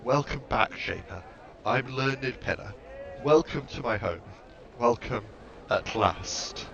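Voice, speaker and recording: A man voicing an ancient, trembling, awed female servile creature in a game, reading her lines slowly and reverently. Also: lowish voice, animated, vocal fry, fairly bright tone. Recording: muffled lo-fi mic with background noise.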